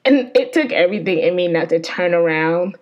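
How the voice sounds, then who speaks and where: A woman's voice: on the low side, animated, a little fast, dull audio. A woman hosting a podcast, telling a story in a rambling, profane, exasperated way. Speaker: podcast host. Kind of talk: casual storytelling.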